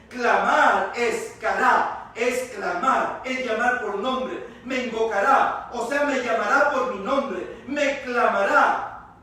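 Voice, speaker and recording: A man's voice: very high-pitched, sharp tone. A male pastor preaching a sermon. He stresses his key words by stretching them out and repeating them. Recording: echoey church hall, voice from far off.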